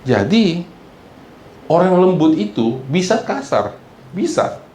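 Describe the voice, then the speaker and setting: Delivering a sermon in a church hall, a man with a high voice and big pitch swings speaks slowly, blending in English phrases and calling for responses from the congregation. He sometimes shouts loudly while acting out the people he quotes. The recording is reverberant and poor, with slight background noise.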